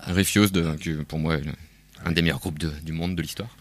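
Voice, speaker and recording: A man's voice: low-pitched, steady tone, fast. A man guesting on a radio show with his band, talking casually and a little hesitantly.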